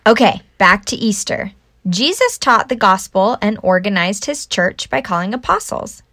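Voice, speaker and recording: A woman podcast host telling stories to children in an animated, simple explaining way, recorded at home without a proper mic. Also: medium pitch, normal speed, slight background noise. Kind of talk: scripted children's storytelling podcast.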